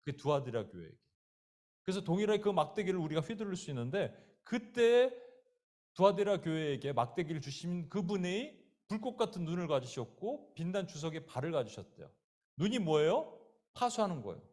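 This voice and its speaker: A man preaching as pastor uses a fairly high, darkish, sing-song voice at a slightly quick pace. His storytelling is vivid, with character voices for the quotations, and he speaks directly to listeners, calling them and a child by name.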